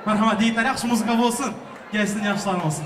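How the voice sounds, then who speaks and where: A man hosting a wedding as a booming announcer, calling out to guests in a jocular, teasing way. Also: fairly even intonation, very fast, a bit bright. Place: wedding hall over PA, music and guests behind. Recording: echoey hall, distant mic, music and crowd.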